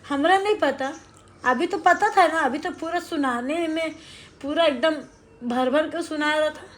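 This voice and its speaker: A woman's voice: high voice, measured pace, roomy sound. A woman, a mother filming a family vlog and arguing with her husband in a heated, sarcastic way. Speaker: vlogger, mother.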